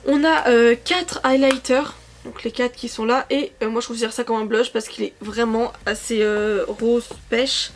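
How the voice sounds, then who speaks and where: A woman's voice: fairly high pitch, fairly even intonation, moderate pace, hardly any pauses. A woman in her twenties chatting casually about makeup from her couch at home, rambling and correcting herself with lots of fillers. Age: 20s. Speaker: beauty vlogger.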